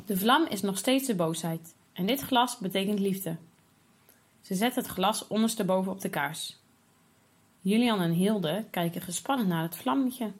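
A woman reading a children's story aloud in a steady, expressive way. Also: mid-range voice, normal speed, slightly rough.

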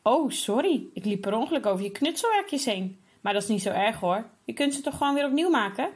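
A woman's voice: high voice, big pitch swings, a little fast, pitched above the performer's own voice. A woman doing an angry young boy. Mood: mocking. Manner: indignant, outraged protests. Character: angry young boy, hot-tempered brother.

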